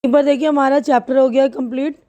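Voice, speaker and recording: A woman teacher walks through a lesson step by step, spelling each letter out slowly and with patience. Her voice is fairly high but soft and mellow. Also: steady tone, highs cut off. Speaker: Urdu teacher. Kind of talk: slow step-by-step lesson explanation.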